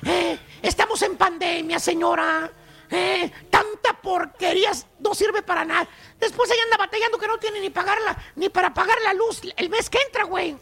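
A man's voice: very high voice, fairly even intonation, normal speed, vocal fry, bright, forceful tone, heavily acted. A man voicing a mocking, streetwise Mexican comic character with a Chicano accent, ranting in slang. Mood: scolding. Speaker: comedy show host.

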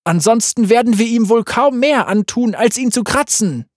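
A man's voice: very high voice, lively intonation, moderate pace, dry recording, studio quality, pitched above the performer's own voice. A man reading a story aloud, voicing a young male warrior who gives urgent commands in a raised voice. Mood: commanding.

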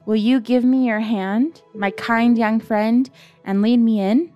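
A woman's voice: a little high, fairly even intonation, takes it slowly, muffled recording, soft background music. A woman voicing a cruel, sly blind old beggar man in a storybook, moving between sing-song pleading and cold command. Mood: wheedling. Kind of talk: storybook character voice.

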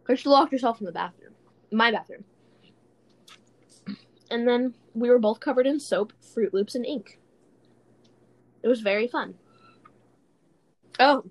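A woman's voice: fairly high pitch, a little slow, pauses often. A woman co-hosting a casual chat podcast, telling rambling stories with lots of giggles. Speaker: podcast co-host.

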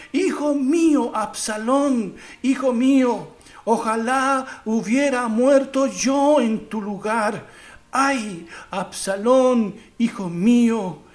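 A man voicing a grieving father king who laments his lost son in slow, drawn-out cries. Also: very high voice. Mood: grief-stricken.

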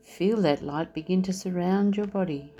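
A woman leading a guided meditation, speaking softly and soothingly as she talks the listener through relaxing the body. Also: fairly low pitch. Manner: slow, soft and soothing. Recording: soft music underneath.

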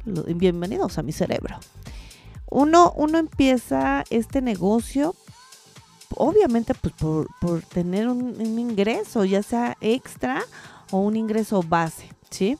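A woman's voice: fairly low pitch, mellow. A woman with a Mexican accent hosting a podcast as a casual, colloquial monologue, with playful asides to her listeners. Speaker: podcast host.

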